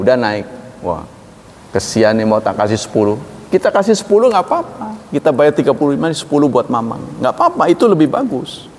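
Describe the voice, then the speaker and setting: A man giving a Quran lesson as a sermon, talking in a casual lively way and acting out little dialogues. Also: long reverb tail. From Indonesia. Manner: lively, acts out dialogues with animated pitch jumps. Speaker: Quran teacher.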